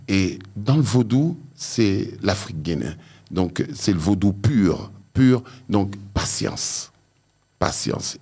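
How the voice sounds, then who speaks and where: A deep, gravelly man with a husky edge talks emphatically in a radio studio, leaning on key words and repeating them. He speaks into a studio mic as a vodou priest being interviewed. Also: a little mellow. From France. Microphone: studio mic with headphones.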